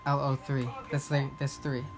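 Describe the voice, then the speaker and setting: A man's voice: medium pitch, completely flat delivery, normal speed, a crowd in the background, rough recording. Laughing man spelling out names. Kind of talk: casual chat. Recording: clear background noise.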